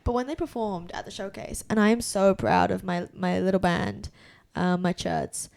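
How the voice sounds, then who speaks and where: A woman's voice: lowish voice, moderate pace, gravelly, smooth, dry recording. Chatty young woman telling stories. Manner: chatty, many "like"s and restarts, animated storytelling. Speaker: podcast co-host. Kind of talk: casual chat.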